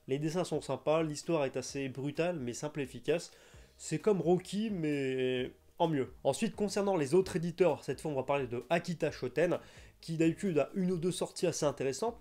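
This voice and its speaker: Young male host for casual commentary: eager, rambling, with a warm, fairly high voice. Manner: chatty, enthusiastic, frequent hesitations. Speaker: manga news YouTuber.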